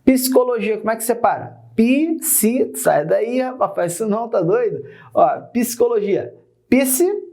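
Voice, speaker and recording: A young Brazilian man teaches a grammar lesson in a playful, chatty way, often calling the viewer "son." His voice sits high for a man, with a gravelly, creaky edge. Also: expressive, normal speed, a little mellow. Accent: Brazilian Portuguese. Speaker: Portuguese teacher. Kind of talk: energetic video lesson.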